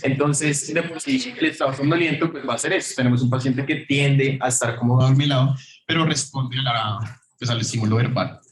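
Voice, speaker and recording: A man lectures a class in a cavernous, echo-heavy room, each phrase trailing a long hollow reflection. His voice sits at an ordinary middle pitch and his manner is loose and chatty, full of fillers as he fires questions at his students. It sounds like a room mic catching a hybrid class with a Zoom feed. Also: fairly even intonation, brisk. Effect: heavy echo from a large room. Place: large classroom.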